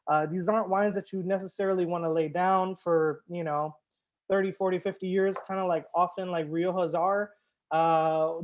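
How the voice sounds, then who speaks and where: On a live-streamed wine tasting, a male sommelier and show host talks casually and cheerfully, with plenty of fillers. His voice is high-pitched, and the audio sounds dull.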